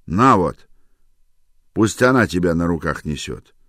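A harried, defensive husband who grumbles and snaps with sarcasm, as a male narrator voices him. His voice is very deep and the sound is close and dry. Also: expressive, unhurried, bright, forceful tone, dry recording, full character voice. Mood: grumbling. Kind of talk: audiobook character voice.

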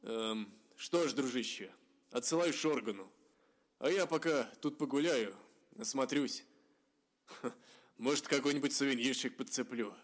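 A man voicing a male wolf adventurer who talks in a relaxed, gruff way. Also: mid-range voice, measured pace, pauses often, close to an everyday voice. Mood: easygoing.

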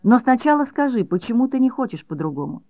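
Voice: medium pitch, very animated, fast, dry recording, voice pushed up, close to an everyday voice. An audiobook reader voicing a blunt, impatient psychiatrist who presses with curt questions. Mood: pressing. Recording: dull dry audiobook recording.

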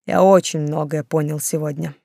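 A woman voicing a calm, measured middle-aged male detective in an audiobook. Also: deep voice, gravelly, dry recording, clean studio sound.

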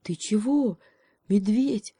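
A woman's voice: medium pitch, takes it slowly, warm tone, husky, no room sound, clean studio sound, voice pushed up. A woman voicing a small, fussy, practical hedgehog who snorts as he talks. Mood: soothing.

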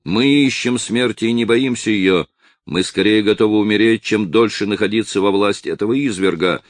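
A man performing a furious rebel villager in an audiobook, defiant and bent on revenge. His lines come out as raised shouts. The recording is dry. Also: lowish voice, fairly even intonation, fairly quick, dry recording, pitched above the performer's own voice, lightly acted. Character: angry rebel villager, vengeful young man.

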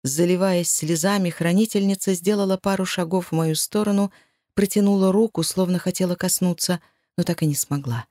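A woman reading a first-person fantasy audiobook in an even, measured way. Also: fairly low pitch, no echo, clean studio sound. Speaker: audiobook narrator.

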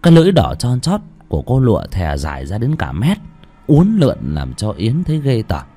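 A man narrating a horror story in a dramatic, expressive way. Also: medium pitch, fairly quick, breathy edge, soft background music.

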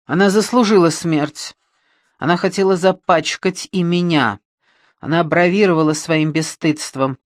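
A reader voicing a tormented male killer who breaks into hysterical, fervent shouting in an audiobook. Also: mid-range voice, no room sound, clean studio sound, close to an everyday voice. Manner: slow, halting, fervent. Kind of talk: audiobook reading.

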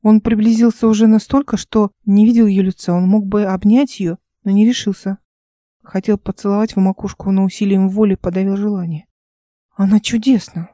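Woman reading her own audiobook, calm and even, mellow voice, dry sound. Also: mid-range voice, a little fast, no echo. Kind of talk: audiobook narration.

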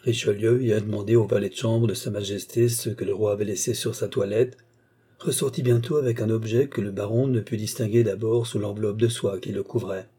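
Mellow, husky male audiobook narrator. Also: on the low side, fairly even intonation, a little fast. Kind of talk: scripted narration.

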